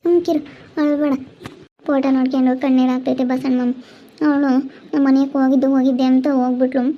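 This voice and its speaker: A woman's voice: high-pitched, completely flat delivery, racing. A woman vlogger with a rural Chitradurga Kannada accent, talking in an insistent, urging and consoling way. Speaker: vlogger host. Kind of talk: casual chat and channel sign-off. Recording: dull lo-fi recording.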